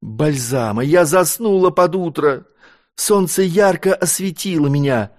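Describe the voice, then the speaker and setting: A man's voice: fairly high pitch, a little slow, a little mellow, voice pushed up, close to an everyday voice. Man voicing a hysterical despairing young woman. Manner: sobbing, pleading, hysterical. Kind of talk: audiobook character voice.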